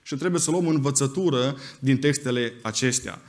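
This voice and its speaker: A man preaching a sermon as pastor, speaking emphatically and turning directly to his congregation. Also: mid-range voice.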